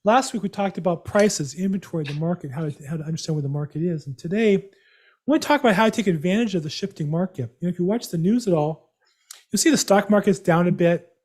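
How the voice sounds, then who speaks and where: A man's voice: sits high, expressive, fast, a little mellow. Chatty man hosting a video-call seminar. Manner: chatty, rambling with many fillers. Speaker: seminar host, real estate agent. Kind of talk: live webinar presentation.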